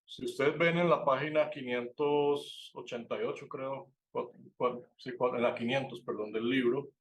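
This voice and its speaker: A man's voice: medium pitch, fairly even intonation, normal speed. A man from Colombia, teaching an online birding class and explaining things step by step, checking in with his students and correcting himself as he goes. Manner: self-correcting, with fillers and restarts. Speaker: birding course instructor.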